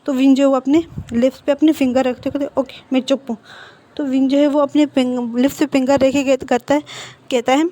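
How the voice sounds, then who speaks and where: Woman storyteller, casual recap, high mellow tone. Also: flat delivery, fairly quick. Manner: conversational, with repeats and restarts. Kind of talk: casual retelling of fan fiction.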